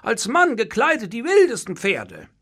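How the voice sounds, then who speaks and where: A man voicing an excitable, talkative male innkeeper with a high, eager voice. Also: moderate pace, slightly rough, heavily acted. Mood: shocked.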